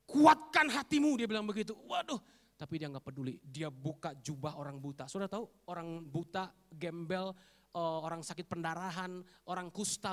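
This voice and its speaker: A man's voice: sits high, a bit bright. A man preaching a sermon, calling on the congregation to say amen and mixing casual slangy asides with scripture. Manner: fervent call-and-response preaching, repeatedly prompting the congregation to say amen. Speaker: pastor. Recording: long hall reverb.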